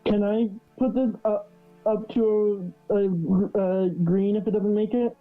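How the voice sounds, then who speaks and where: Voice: medium pitch, fairly even intonation, unhurried, faint music behind. Hesitant tabletop player, tinny phone-quality audio. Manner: hesitant, many fillers. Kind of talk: playing a character in a tabletop game.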